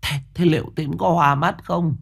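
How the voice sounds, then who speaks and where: A man's voice: fairly high pitch, fairly even intonation, moderate pace, gravelly, fairly bright tone, pitched above the performer's own voice. A man voicing an anxious, bossy older village woman who presses and urges. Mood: urgent. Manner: urgent, insistent.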